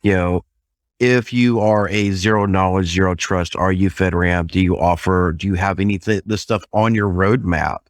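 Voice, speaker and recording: A man with a fairly deep voice who tells stories in a lively, animated way and drops in mild swear words. It is a casual podcast chat. The recording is close and dry. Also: moderate pace, dry recording. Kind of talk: casual conversation.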